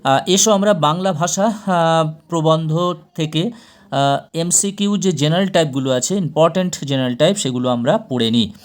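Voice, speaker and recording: A man's voice: on the high side, normal speed. A man teaching an exam prep lesson, reading out multiple-choice questions and options in a list, then stating each answer.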